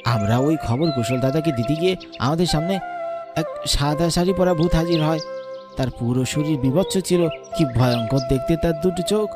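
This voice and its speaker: A man with a slightly high voice, speaking at normal speed, plays several frightened village men in a horror cartoon. He stammers often, sounding fearful, with music playing behind him.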